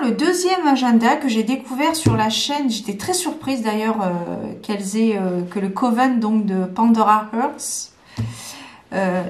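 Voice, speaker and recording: A woman's voice: mid-range voice, a little mellow, roomy sound. A woman from France chatting casually to camera at home, hesitant, with many fillers and restarts. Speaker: vlogger presenting planners. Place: home room.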